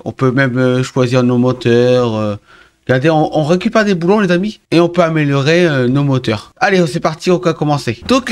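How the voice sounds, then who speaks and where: A man giving casual gameplay commentary as a YouTuber, excitable, swinging between grumbling at the game and cheerful explaining to his viewers. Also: on the high side. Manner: keeps addressing viewers as friends. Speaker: gaming YouTuber.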